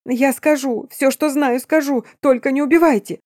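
A woman's voice: medium pitch, expressive, normal speed, warm tone, no echo, studio quality, natural voice. A woman voicing a terrified, grovelling man who shrieks and pleads.

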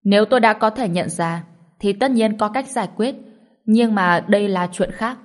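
A woman's voice: mid-range voice, moderate pace, voice pushed up, lightly acted. A woman voicing a confident young male doctor and cultivator who talks curtly and coolly. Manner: cool, curt.

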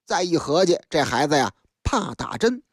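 A woman telling a comic folk story on radio, rhythmic and animated, with sound effects. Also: sits low, normal speed, no room sound, studio quality. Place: radio studio.

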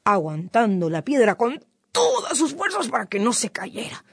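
A woman telling a folk tale on the radio, lively and expressive. Her voice is high and dances up and down a lot. It is recorded very close and dry. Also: normal speed, creaky, slightly rough, dry recording. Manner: lively, expressive storytelling with repetition. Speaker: radio host and storyteller. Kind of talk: storytelling.

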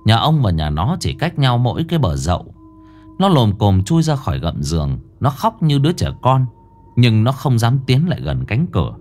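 A man's voice: mid-range voice, huge pitch swings, moderate pace, darkish tone, soft background music. A man narrating a ghost story in a dramatic, suspenseful way.

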